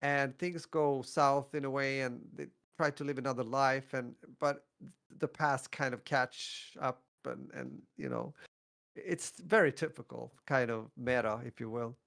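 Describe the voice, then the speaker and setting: Man, French accent, gravelly voice, hesitant casual podcast chat, repeats his words. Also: medium pitch, animated, a little slow, a bit bright. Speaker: podcast co-host. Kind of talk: casual chat about films.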